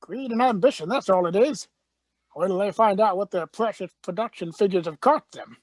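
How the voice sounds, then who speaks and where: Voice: mid-range voice, normal speed, no echo, close to an everyday voice. An actor playing an eccentric, defiant space-travelling Doctor in a radio play, urgent and given to repeating phrases. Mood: defiant, probing.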